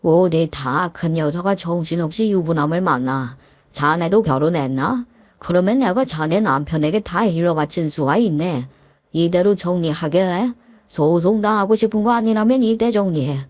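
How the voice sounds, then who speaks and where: Brief: a woman doing a stern, raging older father-in-law, pitched lower, barking in a dry close take. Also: normal speed, a little mellow, no echo, close to an everyday voice. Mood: furious scolding. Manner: harsh scolding, barking commands. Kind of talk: storytelling with voiced characters.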